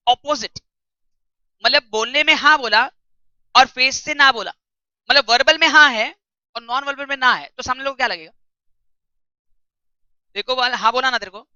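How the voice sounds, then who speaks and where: A woman tutor giving a classroom lecture, reading English text slowly and explaining it in chatty while quizzing her students. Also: high voice, bright, forceful tone, no room sound. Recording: dull lo-fi recording.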